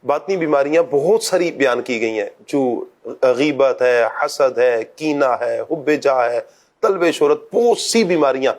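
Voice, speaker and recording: A man's voice: medium pitch, animated. A man speaking as a religious scholar in a discussion, preaching and asking and answering his own questions.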